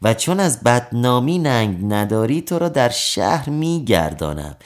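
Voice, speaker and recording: A man voicing a stern, reasoning city judge in a storybook tale, with measured, firm pronouncements. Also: medium pitch, very animated, lightly acted.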